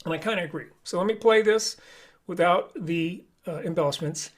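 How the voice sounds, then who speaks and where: A man's voice: high-pitched, normal speed, very noisy. A man teaching a live online flute lesson, explaining each step patiently.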